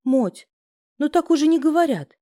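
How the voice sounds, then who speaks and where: A woman's voice: high voice, expressive, normal speed, dark tone, pitched above the performer's own voice. A woman voicing a frightened young pregnant woman who talks in a plaintive, anxious way.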